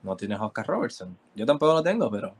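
A man co-hosting a casual sports debate, asking probing questions and cutting in with quick remarks. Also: lowish voice, very animated. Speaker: podcast co-host.

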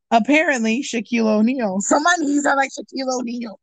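A young woman with a slightly high voice, talking in a casual, joking way. She laughs often as she chats, and the sound is dry and close. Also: normal speed, no echo. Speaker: podcast co-host. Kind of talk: casual chat.

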